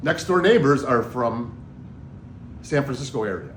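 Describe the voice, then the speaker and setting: A man on a trip with his wife, telling stories and preaching in an animated, excitable way. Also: mid-range voice, a little slow, slight background noise. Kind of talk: casual preachy storytelling. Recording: roomy echoey recording.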